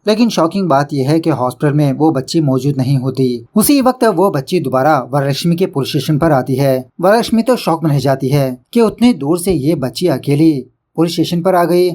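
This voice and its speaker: A man's voice: fairly high pitch, darkish tone. A man narrating a movie recap in a dramatic, conversational storytelling manner.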